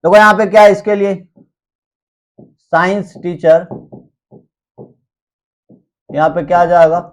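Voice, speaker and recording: A male chemistry teacher giving a classroom lecture. He keeps asking rhetorical questions and slows down to repeat memory tricks, speaking informally and reassuringly to his students. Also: high-pitched, fairly even intonation. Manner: repeats rhetorical questions and drills mnemonics slowly.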